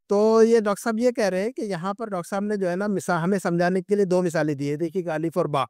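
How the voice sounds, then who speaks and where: A man's voice: sits high, steady tone, a little mellow, clear, resonant tone, dry recording, studio quality. A man, teaching an Arabic class online and patiently repeating points to check his students follow.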